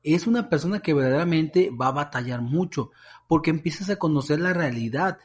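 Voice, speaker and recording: A man's voice: a little high, animated, brisk, husky. A young adult man with a Mexican accent co-hosting a podcast in casual, slangy talk. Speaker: podcast co-host.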